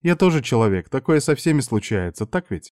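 A man's voice: mid-range voice, very animated, brisk, darkish tone, no echo, studio quality, voice pushed up, natural voice. A man voicing a diligent, shy young woman student in a read-aloud story, speaking in an apologetic, earnest way.

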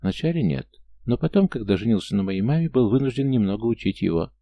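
In an audiobook, a man voices a polite, gentle, mild-mannered Englishman from an old knightly order. His voice is lowish, animated and quick, with no room sound.

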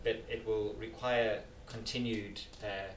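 A man with a South African accent takes it slowly as he answers interview questions, his low-leaning voice keeping fairly even intonation. As a campaigner, he speaks earnestly and emphatically, frequently restarting. The space sounds echoey, with faint noise.

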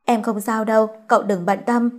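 Brief: woman doing a meek young maid, quiet, pleading and apologetic. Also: fairly high pitch, level tone, a little fast, natural voice. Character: timid young female servant girl, meek and tearful.

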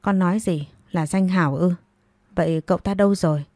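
A woman's voice: on the low side, fairly quick, mellow, no echo, clean studio sound, natural voice. A woman voicing a stern, anxious middle-aged mother who questions her daughter insistently.

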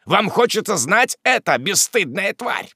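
A man voicing an irascible old country squire who blusters and shouts in outrage. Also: a little high, very animated, measured pace, breathy edge, no room sound, studio quality, exaggerated voice. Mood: furious.

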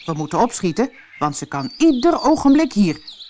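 A woman's voice: mid-range voice, very animated, normal speed, mellow, slight background noise, pitched above the performer's own voice, close to an everyday voice. A woman voicing a nervous, servile male playing-card gardener who stammers with many hesitations. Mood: anxious.

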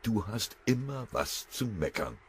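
A man's voice: lowish voice, sing-song, unhurried, breathy edge, voice pushed up, full character voice. A man voicing a grumbling, mocking male sergeant.

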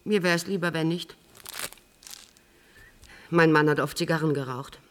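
An actress playing a composed, middle-aged woman held in custody, speaking in a measured, precise way in a radio drama. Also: deep voice, steady tone, a bit bright, slight background noise. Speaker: prisoner on remand giving an interview.

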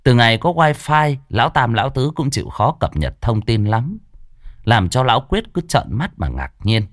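A man narrating a comic ghost story in a lively, mocking way. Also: medium pitch, moderate pace, dry recording, clean studio sound.

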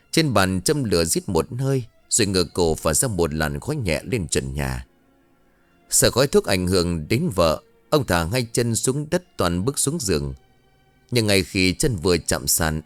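A man's voice: sits low, dry recording. A man narrating a horror ghost story in a dramatic, suspenseful way. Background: faint music.

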